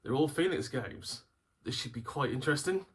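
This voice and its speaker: A YouTube game collector hosts a casual vlog with guitar music in the background and slight noise. His mid-range voice is expressive at a normal pace, and despite a sore throat and a cough sweet in his mouth, he rambles wryly and chuckles often.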